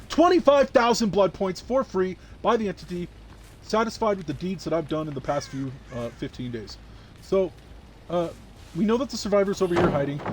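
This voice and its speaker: A man's voice: fairly high pitch, background noise. A tired man streaming a game live, chatting and boasting playfully to his chat. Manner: boastful, playful trash talk. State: tired, yawning. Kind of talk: live gameplay commentary.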